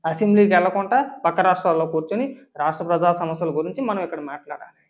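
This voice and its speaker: A man with a high voice rattles off a political rant at a quick clip, stacking one sarcastic rhetorical question on another. His tone stays indignant throughout, and the recording sounds dull and lo-fi. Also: fairly even intonation. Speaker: political commentator.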